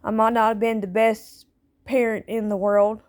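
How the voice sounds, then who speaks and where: Speaking as a parent in a personal monologue, this woman has a fairly high, darkish voice delivered at a moderate pace and a level tone. Her manner is plaintive and aggrieved, with repetitive phrasing and nonstandard grammar.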